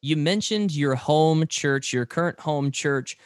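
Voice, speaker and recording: A man's voice: measured pace, no echo, studio quality. A man co-hosting a podcast, chatting casually, joking and teasing, his voice jumping up when he gets fired up. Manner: joking, animated, jumps high when excited. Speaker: podcast co-host.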